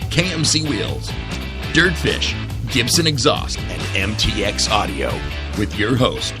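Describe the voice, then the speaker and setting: A man's voice: lowish voice, sing-song, takes it slowly, over music. A man announcing a radio show intro in a scripted promotional style.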